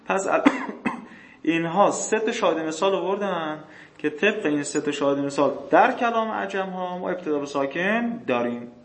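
A man with a fairly high voice teaches a lecture, reading passages slowly and then explaining them faster. He poses questions to his listeners and answers them himself, clearing his throat now and then. The room rings with echo. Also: animated, a little hiss or hum. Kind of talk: classroom lecture on grammar texts.

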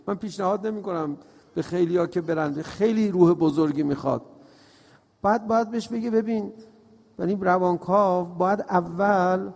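High, gravelly preacher man in a reverberant hall. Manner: emphatic, rhetorical questions, drops to soft tones. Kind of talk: religious lecture.

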